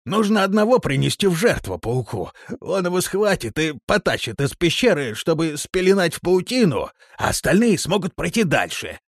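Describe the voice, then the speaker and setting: A male audiobook reader voicing a burly, cowardly thug who yells, pleads and sobs in a strained, raised voice. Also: high voice, sing-song, normal speed, hardly any pauses, dry recording, clean studio sound, pitched above the performer's own voice, heavily acted. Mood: whining. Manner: yelling, pleading, sobbing. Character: panicky burly male thug, shrill and whining. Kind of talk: audiobook character voice.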